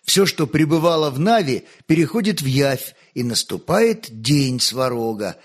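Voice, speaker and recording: A man's voice: fairly high pitch, animated, normal speed. A man reading aloud, voicing an earnest, studious boy prince who recites his answers like a lesson.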